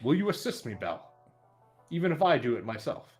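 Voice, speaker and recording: A man's voice: mid-range voice, sing-song, a little fast, a little mellow, lightly acted. A man voicing an earnest, loyal talking dog with stilted, formal phrasing in an improvised tabletop game. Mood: solemn, devoted. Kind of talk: improvised tabletop role-play. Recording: music behind the voice.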